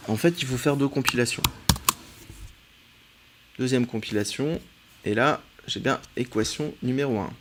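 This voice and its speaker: A French man leads a relaxed, screen-recorded coding tutorial, thinking aloud while he types and frequently pausing on "euh." His voice is mid-range, and there's background noise.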